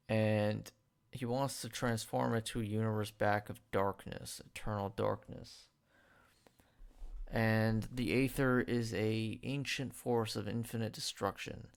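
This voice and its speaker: A man's voice: lowish voice, gravelly. A young man hosting a radio show, giving a loose, rambling film review with lots of "like" and stumbles, talking with a retainer in. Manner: loose and rambling, fills with "like" and stumbles over words. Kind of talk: casual spoken film review. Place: radio studio.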